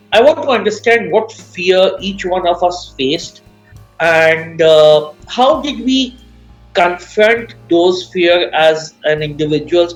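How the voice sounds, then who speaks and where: A man's voice: high-pitched, poor audio. A man co-hosting a podcast, asking earnest questions in a casual chat. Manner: earnest, many fillers and restarts. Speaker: podcast co-host.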